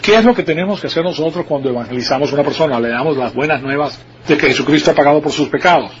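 Male preacher, fairly high voice, teaching tone full of rhetorical questions, dull lo-fi radio recording. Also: very fast, noisy background. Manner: explanatory, asks the congregation rhetorical questions. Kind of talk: expository Bible sermon.

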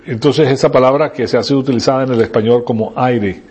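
A man's voice: mid-range voice, fairly even intonation, fairly quick, darkish tone, breathy edge. A man teaching a Bible study to a small group, explaining Greek words and asking them questions as he goes. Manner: explanatory, quizzes listeners.

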